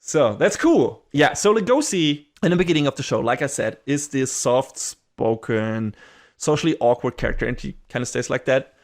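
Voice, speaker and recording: A man's voice: medium pitch, animated, moderate pace. A man co-hosting a podcast, chatting casually in a rambling way, swearing and laughing often. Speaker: podcast co-host.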